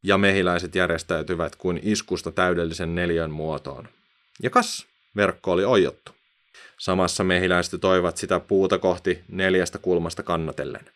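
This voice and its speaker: Deep-voiced man reading a children's story. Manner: expressive, playful storytelling.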